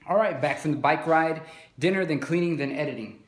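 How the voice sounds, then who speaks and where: A vlogger who also owns a small business talks casually to the camera, rambling with fillers and restarts. His voice is fairly high and brisk, and the very noisy recording has a roomy echo.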